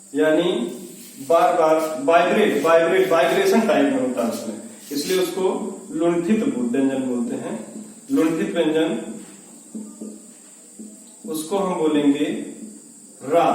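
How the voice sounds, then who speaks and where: A man's voice: on the high side, darkish tone, far from the mic. A man teaching an exam-prep grammar lesson, patiently repeating terms, asking questions he then answers himself, and sounding out syllables in a sing-song way. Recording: echoey room, voice away from the mic, faint hiss.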